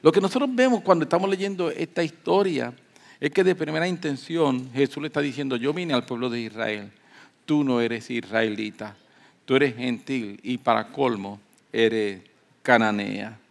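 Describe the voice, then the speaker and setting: A man preaching a sermon, moving from calm teaching to loud emphatic peaks and acting out the voices of people in the story. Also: mid-range voice, moderate pace, gravelly. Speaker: pastor.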